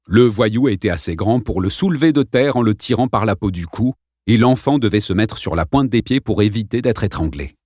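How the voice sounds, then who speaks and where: A man reading a novel aloud as an expressive audiobook narrator. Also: fairly low pitch, fairly quick, no echo, studio quality. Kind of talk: scripted narration.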